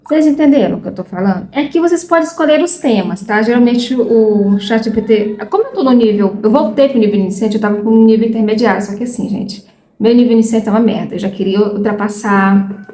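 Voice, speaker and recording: A woman's voice: a little high, fairly quick, a little mellow, reverberant. Chatty Brazilian woman in her thirties. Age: 30s. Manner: chatty, frank, loses her train of thought. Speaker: vlogger learning English. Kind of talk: casual chat to viewers.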